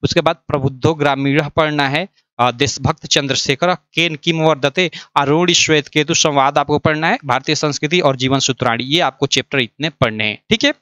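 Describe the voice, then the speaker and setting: Young guy up teaching, higher voice, dry close mic, keeps saying look here. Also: brisk, pushed and bright, no room sound. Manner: explains patiently, repeats "yahan pe dekho". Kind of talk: screen-share lesson.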